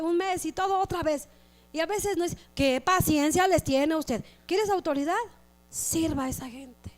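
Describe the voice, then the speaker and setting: Woman pastor, high voice, lively preacher who slips into quick character asides. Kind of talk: sermon.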